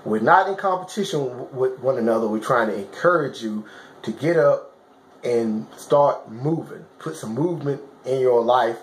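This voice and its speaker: An expressive, mid-range male voice at a moderate pace delivers informal fitness motivation straight to camera, with slight background noise. He is emphatic and repetitive, regularly pausing to check that listeners get it, and the audio echoes around the room.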